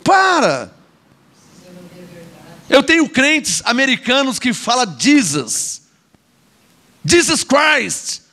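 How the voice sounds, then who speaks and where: A man's voice: extremely high pitch, big pitch swings, slow, sharp tone. A man with a Brazilian Portuguese accent preaching a sermon as an apostle, scolding and sarcastic, with mocking asides and repeated words.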